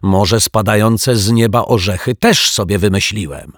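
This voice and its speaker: Man doing a furious shouting caretaker. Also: low voice, measured pace, slightly rough, dry recording, studio quality, heavily acted. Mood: irritated. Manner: shouting, indignant outbursts. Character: hot-tempered male building caretaker, middle-aged.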